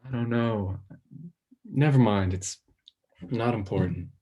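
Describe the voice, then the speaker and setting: This stage actor plays an anxious young man who rambles and stalls before trailing into self-doubt, sounding ashamed as he goes. His voice sits lowish and slightly rough, and he speaks slowly.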